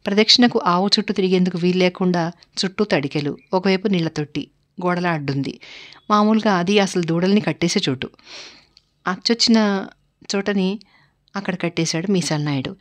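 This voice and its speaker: A woman narrating a family story in the first person, steady and unhurried. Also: fairly low pitch.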